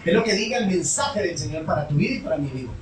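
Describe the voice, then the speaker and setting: High-voiced man preaching in an echoey church. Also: lively intonation, fast, a little hiss or hum. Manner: asks the congregation questions and answers them himself. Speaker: pastor. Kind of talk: call-and-response sermon. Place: church sanctuary. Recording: echoey church hall from far off.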